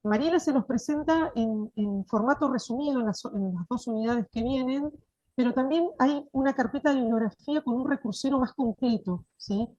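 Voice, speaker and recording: Woman instructor, explanatory and patient, higher voice; dry, muffled lo-fi call recording. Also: normal speed, warm tone, no echo. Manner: explanatory, frequent checking "¿sí?". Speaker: course instructor. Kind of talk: online teacher-training lecture.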